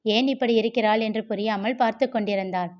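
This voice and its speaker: A woman reads a novel aloud, narrating in a steady, even way. Her voice sits at a middle pitch for a woman. The recording sounds slightly dull and lo-fi. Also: quick pace. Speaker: storyteller.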